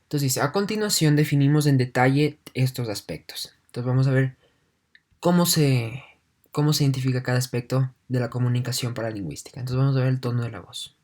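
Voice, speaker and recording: A male teacher delivering a recorded online lesson. He reads each point aloud and then unpacks it in everyday words. He keeps checking in with his students in a steady, patient explaining manner. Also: mid-range voice, fairly quick. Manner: leans heavily on "entonces" and checks in with "¿no?". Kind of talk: online class lecture.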